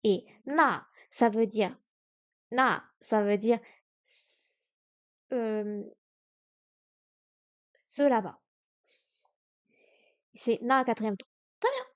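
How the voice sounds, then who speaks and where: A woman streaming herself studying Chinese, sounding out words slowly and correcting herself aloud. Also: on the high side, animated, highs cut off. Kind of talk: live-stream study session.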